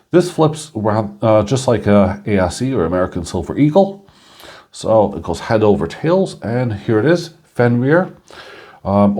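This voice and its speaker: A man with a fairly low, warm and mellow voice talks through a coin review in a loose, chatty way. He often chuckles and leans on ums and uhs as he shows each detail. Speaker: coin reviewer and channel host. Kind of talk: casual coin review narration.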